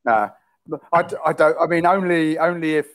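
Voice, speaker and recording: Speaking at a normal pace in a slightly high voice, a middle-aged London-accented man from England chats casually while teaching English by video call, rewording and repeating his questions. He wears a headset in a small room.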